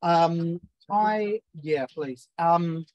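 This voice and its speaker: Man, from New Zealand, barbecue chef, casual explaining, raised pitch. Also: drawn-out words, no room sound, lo-fi sound. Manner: relaxed, explains step by step with fillers. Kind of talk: casual cooking chat. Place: outdoors at a barbecue.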